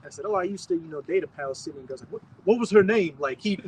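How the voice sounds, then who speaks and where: A man reading scripture verses slowly outdoors and telling a casual story in between. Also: on the high side, lively intonation, a little hiss or hum, low-quality recording. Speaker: scripture reader at a street camp. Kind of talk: street preaching.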